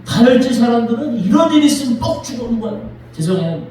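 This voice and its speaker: A pastor preaching in a lively, sing-song voice that leaps up and down, high for a man, with a mellow tone. The sermon echoes heavily through the church, picked up from afar with faint room noise. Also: fast talker. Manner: animated, dramatic storytelling. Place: church sanctuary. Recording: echoey church from a distant mic.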